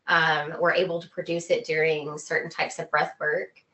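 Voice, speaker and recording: Appearing as an interview guest, a woman with a fairly low voice talks casually and explains things earnestly. She pauses haltingly and repeats phrases to drive them home, her tone level, bright and forceful.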